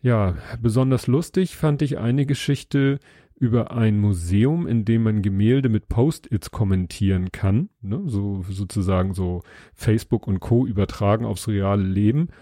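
A man hosting a podcast who talks casually and a little haltingly, with fillers, before reading a story aloud. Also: lowish voice, dark tone, no echo, studio quality. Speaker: podcast host.

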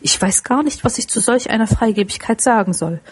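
A woman voicing a stately old gentleman who speaks in a polite, astonished way. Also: fairly high pitch, fairly quick, a little hiss or hum, close to an everyday voice.

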